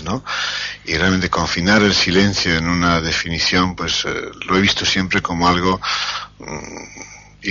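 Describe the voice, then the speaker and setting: A man answering interview questions in a slow, thoughtful way, pausing often to find his words. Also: deep voice, bright, forceful tone, husky, dull audio. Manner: slow, thoughtful, with frequent hesitations. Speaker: interview guest.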